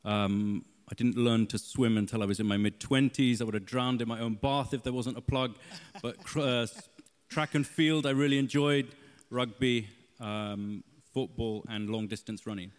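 A man's voice: medium pitch, steady tone, moderate pace, long reverb tail. A man, a church interview guest telling stories with a playful, joking manner. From London, England.

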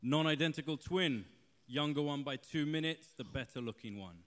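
A man's voice: fairly high pitch, normal speed, fairly bright tone. Joking man in a reverberant hall. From London, England. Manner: joking, playful storyteller. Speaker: interview guest at a church. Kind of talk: casual church interview.

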